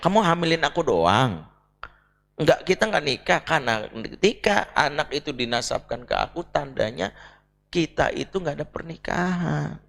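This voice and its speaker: Middle-aged man preaching on family life, playful delivery, mid-high pitch. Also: normal speed, vocal fry, long reverb tail. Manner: lively, jokey, acts out quoted family members. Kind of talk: religious talk on marriage.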